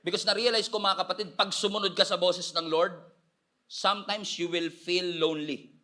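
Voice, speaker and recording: Man pastor from the Philippines, bright ringing voice, slightly high, lively sermon delivery with shouted peaks. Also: moderate pace. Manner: animated preaching, shouts at peaks, mixes in English.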